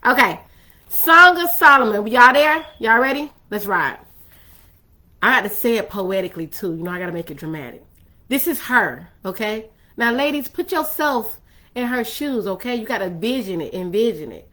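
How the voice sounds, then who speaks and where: Bright-voiced woman teaching the Bible casually. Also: on the high side, normal speed. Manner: chatty and animated, full of asides to the audience.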